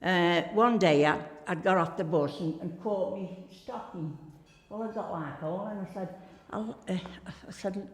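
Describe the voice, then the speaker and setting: Older woman with a gravelly voice. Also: fairly low pitch, darkish tone. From Staffordshire, England. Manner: chatty, rambling, sprinkled with "like" and "you know". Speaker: interviewee, former pottery worker. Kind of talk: reminiscing interview storytelling. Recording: reverberant room.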